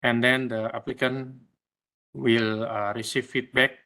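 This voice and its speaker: Bright and forceful, this Indonesian man's mid-range voice shows little pitch movement as he speaks without hurrying. Not an English speaker, he delivers his online presentation haltingly, with many fillers and false starts.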